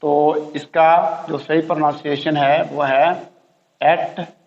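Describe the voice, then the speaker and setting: A man teaching English pronunciation to beginners, slowly repeating each word many times. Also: a little high, flat delivery, creaky. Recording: roomy, echoey, dull lo-fi sound.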